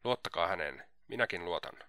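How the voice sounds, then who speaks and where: A man reading the lines of a gentle, reassuring young daughter in an audiobook. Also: deep voice, expressive, no echo.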